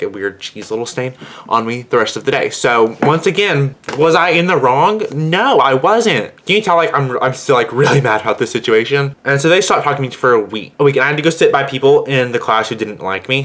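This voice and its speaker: A man's voice: medium pitch, a bit bright. A teenage boy telling a storytime vlog, rambling, indignant, with constant fillers. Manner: rambling, heavy use of "like". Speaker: vlogger.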